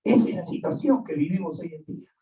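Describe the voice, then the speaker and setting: A man's voice: on the high side, lively intonation, fast, dark tone. A man preaching a sermon as pastor, emphatic and repeating his points, addressing listeners directly in an echoey church hall. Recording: echoey and distant, dull sound.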